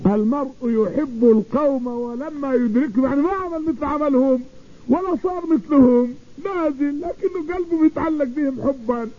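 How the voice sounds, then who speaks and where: A man's voice: extremely high pitch, brisk. A man preaching and telling a story, repeating his phrases for emphasis. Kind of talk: sermon storytelling. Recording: tinny phone-like radio broadcast.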